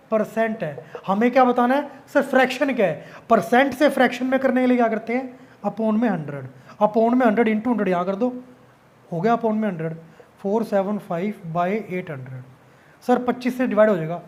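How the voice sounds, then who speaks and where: A man with a high-pitched voice teaches an exam-prep math lesson. He talks in a relaxed, conversational way, constantly asking rhetorical questions and answering them himself. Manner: casual, conversational explaining.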